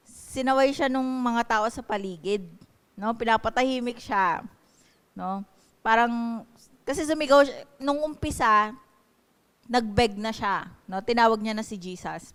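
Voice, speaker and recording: A woman's voice: a little high, smooth. A woman with a Filipino accent, preaching a sermon and explaining each point with frequent checking questions. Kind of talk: Taglish sermon.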